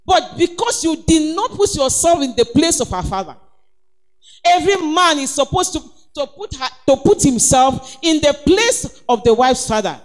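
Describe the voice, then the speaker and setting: Nigerian woman preacher, high-pitched, emphatic and exhorting. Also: big pitch swings, normal speed. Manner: emphatic, exhorting, calls of praise. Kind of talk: sermon.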